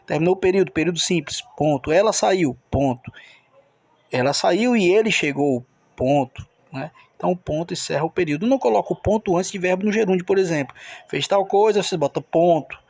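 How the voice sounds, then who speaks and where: High, gravelly-voiced man teaching grammar. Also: expressive, a little fast, a little mellow, dry recording. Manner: explains step by step, often checks in with the listener. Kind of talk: recorded grammar lesson.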